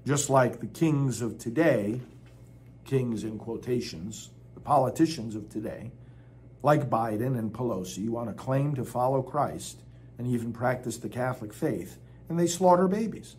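A man preaching a sermon, reading scripture aloud with loud, impassioned emphasis and breaking off to comment. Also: medium pitch, lively intonation, moderate pace, a little hiss or hum.

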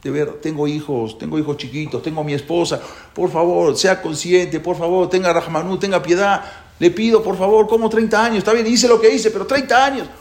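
A man's voice: high voice, fairly even intonation, fairly quick, a little mellow. A man voicing a convicted father who begs a judge for mercy, pleading over and over. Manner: begging, repetitive pleas. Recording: echoey room.

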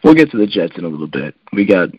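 A man co-hosting a casual sports podcast, relaxed and hedging, with lots of fillers. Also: sits low, fast, husky, dry recording, muffled recording. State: coughing. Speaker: podcast co-host.

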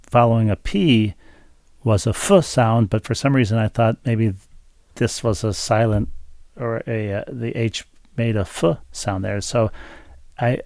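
Gravelly man reading listener mail. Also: fairly low pitch, fairly even intonation, a little slow, a little mellow, no room sound. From Minnesota. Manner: reads letters aloud with chatty asides. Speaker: podcast co-host. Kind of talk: casual podcast chat, reading listener mail.

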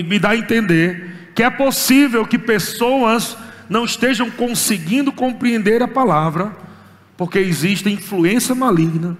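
Brazilian male pastor, high voice, fervent sermon with pauses, long reverb of a big hall. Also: a bit bright. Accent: Brazilian Portuguese. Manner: preaching with rising fervor and pauses.

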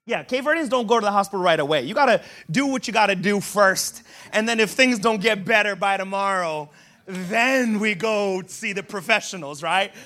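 A man in his thirties from Brazil, preaching a sermon told through animated, humorous personal stories. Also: sits high, normal speed. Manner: animated, humorous storytelling with laughs.

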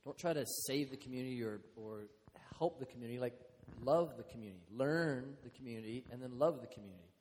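A man's voice: medium pitch, fast talker, hardly any pauses, a little mellow, a little hiss or hum. A man leading a group discussion in an earnest way, repeating key phrases. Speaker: discussion leader. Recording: reverberant room.

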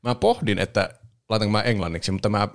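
A podcast host with a low, gravelly voice reviews a film in a relaxed, casual chat. He laughs easily and sometimes slips into quick imitations of characters.

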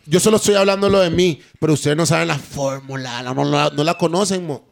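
A Costa Rican man in his twenties, a guest in a casual podcast chat, animated and joking with dramatic outbursts. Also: fairly high pitch, a little fast, creaky. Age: 20s. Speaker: guest artist.

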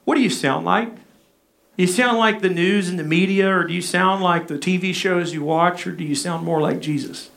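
A man's voice: sits high, normal speed, vocal fry, a bit bright. A man delivers a sermon. He speaks as a pastor, pressing his points with repetition and rhetorical questions. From Arkansas, United States.

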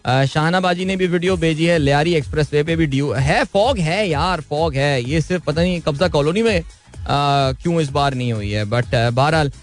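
Breezy Pakistani-accented morning host. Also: male voice, on the high side, normal speed, faint music behind. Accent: Pakistani Urdu. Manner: breezy, chatty and informal. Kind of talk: live morning show chat.

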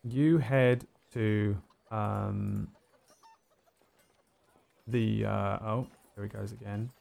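A man narrating a tabletop game as its game master. His voice is gravelly, and he pieces scenes together haltingly, thinking aloud as he goes. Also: lowish voice, fairly even intonation, darkish tone.

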